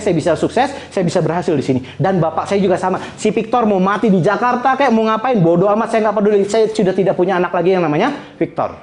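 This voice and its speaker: A man, a business coach, giving a dramatic motivational talk to an audience, swinging from hushed lines to soaring emotional peaks. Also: high-pitched.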